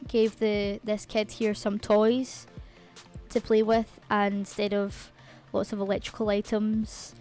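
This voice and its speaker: A Scottish woman hosting her channel, chatting casually over a game speed build and talking quickly. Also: mid-range voice, level tone, darkish tone, faint music behind. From Scotland. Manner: fast-talking, chatty, self-aware. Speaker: channel host.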